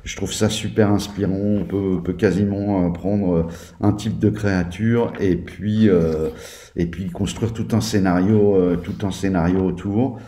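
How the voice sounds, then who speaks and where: A man's voice: deep voice, steady tone, a little slow, dark tone. A man reviewing a tabletop game book in a casual, hesitant way, with many fillers and restarts. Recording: echoey room.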